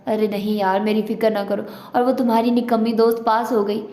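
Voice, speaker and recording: Brisk, caring older brother, offhand tone, mellow and even, read by a woman. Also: fairly high pitch, reverberant, natural voice.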